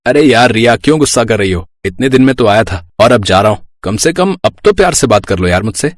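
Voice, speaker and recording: A relaxed young husband, voiced by a man, talking in a casual, coaxing way at an ordinary mid pitch. He reassures instead of arguing. The recording is dry and close. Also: fairly quick, no room sound, lightly acted.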